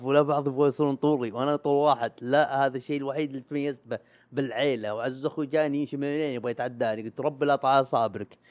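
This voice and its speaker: A man's voice: medium pitch, no room sound. A young man hosting a casual, spontaneous podcast, rambling and joking in asides to his editor and listeners. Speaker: podcast host.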